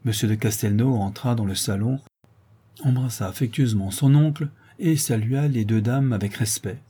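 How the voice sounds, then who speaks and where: Man, audiobook narrator, mellow tone, breathy edge. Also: normal speed. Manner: shifts pitch for the characters' lines. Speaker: narrator reading a short story. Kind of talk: audiobook reading with voiced dialogue.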